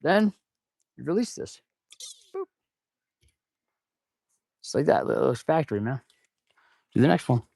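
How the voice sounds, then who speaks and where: A man's voice: fairly high pitch, big pitch swings, a little slow, gravelly, pauses often, a little mellow, no echo, studio quality. A man livestreaming casually as he works as a mechanic, rambling informally, breathing heavily through his mouth with a stuffy nose. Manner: audible heavy mouth breathing; rambling, informal, addresses viewers as "man" and "guys". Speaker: livestream host and auto shop mechanic. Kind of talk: casual livestream chat while working.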